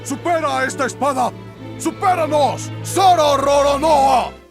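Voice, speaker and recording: Proud master swordsman, Latin American Spanish anime dub, high raised pitch, solemn, commanding, music behind. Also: unhurried. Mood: solemn challenge.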